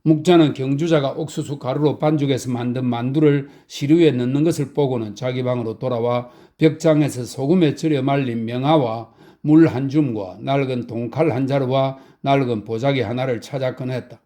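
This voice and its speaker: A middle-aged man narrating a short story as a slow, soft bedtime audiobook. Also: medium pitch. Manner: slow, soft, even reading. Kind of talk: calm sleep audiobook narration.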